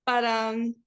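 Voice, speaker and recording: A woman's voice: on the high side, clear, resonant tone. A young woman chatting casually as an interview guest, candid and reflective. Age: young adult. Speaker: interview guest, reality TV cast member.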